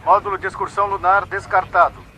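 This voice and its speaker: A man's voice: high-pitched, little pitch movement, fast, noisy background. A man making clipped, formal calls over a two-way radio during a space mission. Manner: terse, formal radio procedure.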